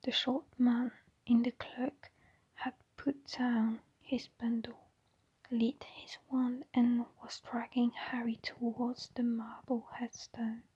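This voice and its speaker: A woman reading a story aloud in a soft, unvoiced whisper, slow and hushed, with the odd small restart. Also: a little high, husky. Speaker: reader. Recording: dull lo-fi recording.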